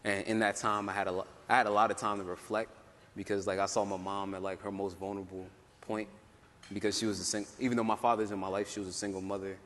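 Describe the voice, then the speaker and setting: A young man panelist telling his story in a casual way, full of "like" fillers and quick laughs. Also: fairly low pitch, little pitch movement, a bit bright, a little hiss or hum. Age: young adult. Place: conference hall. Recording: roomy hall, faint ambience.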